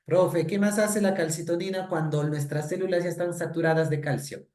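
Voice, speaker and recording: A man's voice: on the high side, steady tone, normal speed, a little mellow, pitched above the performer's own voice, lightly acted. A man voicing a curious young student who questions the teacher eagerly. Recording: roomy echoey room.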